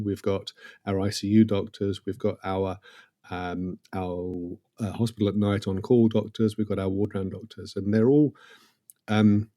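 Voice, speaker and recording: A middle-aged man, a consultant paediatrician, explaining clinical practice in a podcast interview with measured, dry humour. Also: sits low, mellow.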